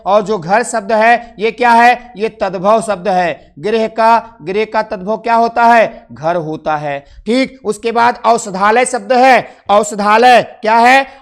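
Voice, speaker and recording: A man with a Hindi accent from Uttar Pradesh teaching an exam-prep grammar lesson, who keeps asking the class short quiz questions and answers them himself. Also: sits high. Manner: addresses viewers as friends.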